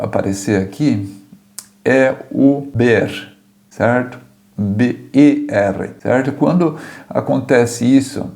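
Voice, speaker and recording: A man's voice: mid-range voice, creaky, warm tone. A man teaching German pronunciation, patiently repeating words and checking in with "tá?" and "certo?". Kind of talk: language lesson, explaining pronunciation.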